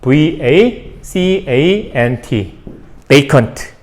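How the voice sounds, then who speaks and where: A man's voice: a little high, expressive, very slow. A man teaching English vocabulary in Korean, spelling words out letter by letter and asking rhetorical questions with playful asides. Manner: playful asides and little jokes. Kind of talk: classroom-style vocabulary lesson.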